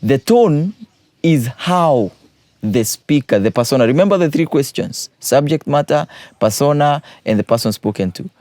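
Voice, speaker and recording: A man's voice: on the high side, animated, moderate pace, a little mellow, dry recording. A man, a teacher patiently explaining poetry exam questions and repeating key points.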